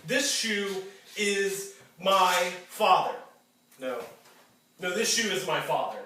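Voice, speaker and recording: A man's voice: high voice, animated, slow pace, sharp tone, heavily acted. A man on stage playing a tearful, self-pitying alien henchman in a rambling comic monologue, recorded from far off in a theatre. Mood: whining. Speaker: stage actor. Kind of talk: live stage comedy acting. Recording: echoey theatre from far off, noisy.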